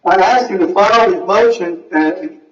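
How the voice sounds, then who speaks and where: American guy defendant, highish voice, insistent n fumbling, repeats himself, echoey courtroom. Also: normal speed, a bit bright. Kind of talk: spontaneous argument in court. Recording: echoey, muffled, distant courtroom microphone.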